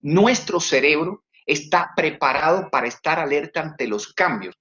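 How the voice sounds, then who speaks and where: A man giving a webinar lecture on communication, talking in an animated way that swings his voice high and low to demonstrate tone and repeats words for emphasis. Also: normal speed, highs cut off. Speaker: communication trainer.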